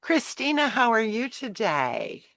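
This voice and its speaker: A woman's voice: on the high side, wildly swooping pitch, unhurried, gravelly, fairly bright tone, no echo. A woman hosting a live online group chat, encouraging each participant in turn. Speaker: host of a live online collage class.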